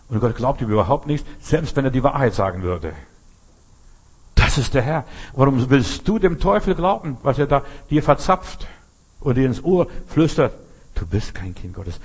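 A man's voice: medium pitch, a little mellow, husky. A man preaching a sermon, emphatic and speaking straight to the listener with rhetorical questions.

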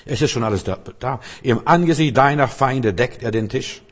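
A man preaching a free-flowing sermon, talking straight to his listeners with rhetorical questions and swinging between loud exclamations and quiet asides. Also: mid-range voice, moderate pace. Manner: addresses listeners directly, often with rhetorical questions.

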